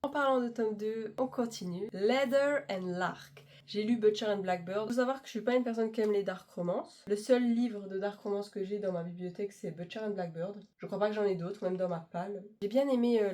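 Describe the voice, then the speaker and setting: A woman's voice: mid-range voice, warm tone. A young woman, chatting casually to camera as a book vlogger, gushing and self-mocking.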